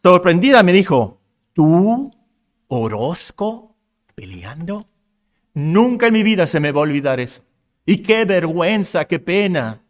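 A male pastor preaching a sermon to his congregation in an expressive way, weaving personal stories into his teaching. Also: sits high, normal speed. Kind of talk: expository sermon. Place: church congregation.

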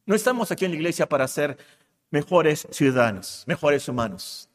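A man preaching a sermon in a church, moving from loud emphatic lines to hushed asides. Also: a little high, sing-song, moderate pace.

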